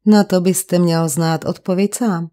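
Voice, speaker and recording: Reading an audiobook, a woman takes the part of a stern male magistrate interrogating a suspect with cool, probing detachment. She keeps her fairly low, warm voice close to how she normally speaks, and her questions come across as cold.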